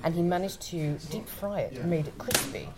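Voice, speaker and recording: A woman's voice: on the low side, expressive, normal speed, crowd noise, rough recording. A woman in her fifties, a food columnist chatting casually and opinionatedly. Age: 50s. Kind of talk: casual chat.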